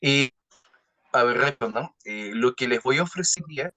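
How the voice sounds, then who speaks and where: A man giving a guest lecture over a video call from home, his audio choppy and breaking up from a bad connection, talking haltingly with many fillers and tag questions. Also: medium pitch, animated, bright, forceful tone, dry recording.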